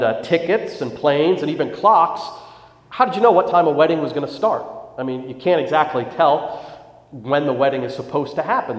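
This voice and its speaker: A pastor delivering a sermon, telling a joke story and then explaining scripture. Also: male voice, fairly high pitch. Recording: echoey hall, dull lo-fi sound.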